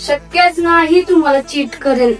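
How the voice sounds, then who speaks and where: A woman's voice: high voice, a little slow. A woman talking back to her husband, dismissive and teasing in a casual home video. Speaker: wife. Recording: echoey room with music.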